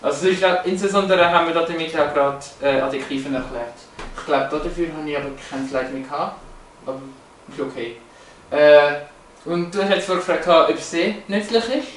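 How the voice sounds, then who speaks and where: A man's voice: fairly high pitch, a little fast, hardly any pauses, a little hiss or hum. A man explaining language features from slides, hesitant, with many fillers and restarts. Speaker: presenter. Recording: roomy, echoey, from a distance.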